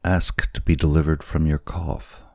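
A man voicing a frightened young wife, storybook reading, pleading, trembling, slow. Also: little pitch movement, darkish tone, no room sound, studio quality. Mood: desperate. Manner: pleading, trembling, raised pitch. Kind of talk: audiobook character reading.

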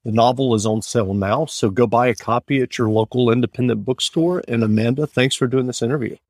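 A man hosts an author interview and wraps it up in a smooth, scripted way. His voice sits at an ordinary pitch. The recording is dry and close. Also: brisk, a little mellow, no room sound. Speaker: interview host. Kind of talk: radio-style interview hosting.

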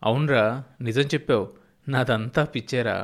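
A man voicing a proud, stubborn old farmer grandfather who speaks in a gruff, folksy village way. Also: mid-range voice, normal speed, lightly acted. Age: older.

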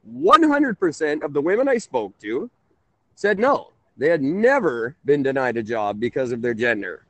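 A man's voice: medium pitch, sing-song, moderate pace, sharp tone, dry recording, dull audio. A man in his late thirties hosting a casual call-in talk show, rambling and correcting himself as he goes. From Canada. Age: 30s. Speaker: host.

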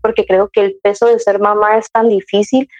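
A woman's voice: mid-range voice, level tone, fairly quick, a little mellow, low-quality recording. A young woman, telling her story in casual chat, acting out her own past words with many restarts. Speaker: guest sharing her motherhood story.

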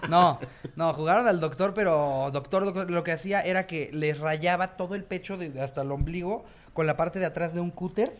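A young man with a Mexican accent, co-hosting a casual podcast, slangy and quick to laugh while reading out listener stories. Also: a little high. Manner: laughing, slangy, acts out voices. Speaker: podcast co-host.

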